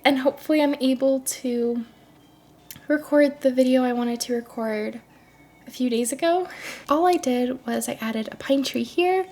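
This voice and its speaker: Woman, high voice, congested throat, chatty gameplay commentary, gushes over cute details. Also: darkish tone. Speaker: gaming video creator.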